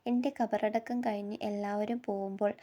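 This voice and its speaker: A woman voicing a dying young woman who speaks softly and pleadingly to her family. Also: medium pitch, level tone, moderate pace, lightly acted.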